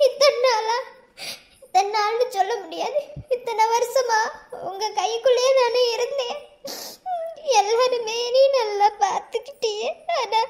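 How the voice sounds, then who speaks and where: A woman voicing a gentle young bride-to-be with a Madurai Tamil accent in a cartoon, soft and halting. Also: high voice. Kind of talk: cartoon voice acting.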